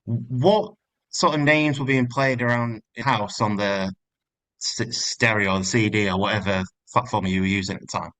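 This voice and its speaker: A man's voice: lowish voice, normal speed, fairly bright tone, rough recording. A man hosting an interview, asking friendly, slightly hesitant questions. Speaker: interview host.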